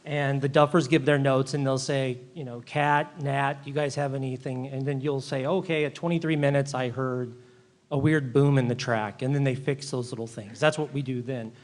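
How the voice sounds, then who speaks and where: A man's voice: medium pitch, fairly even intonation, normal speed, long reverb tail. A man, a film editor, talking casually and enthusiastically on a live panel, often restarting his sentences. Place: live event hall.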